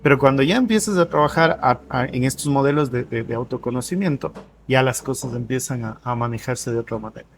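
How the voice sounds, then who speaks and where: A man, a coach, explaining ideas to an interviewer in a lively conversational way, often posing questions and answering them himself. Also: medium pitch, fairly quick, a little hiss or hum. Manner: animated, asks and answers own questions. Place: café.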